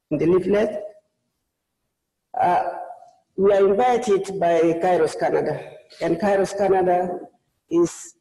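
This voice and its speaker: A woman's voice: lowish voice, warm tone, echoey room, low-quality recording. A woman from Sudan, preaching a sermon as a guest in a church, earnest and personal. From South Sudan. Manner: earnest, personal testimony with frequent restarts.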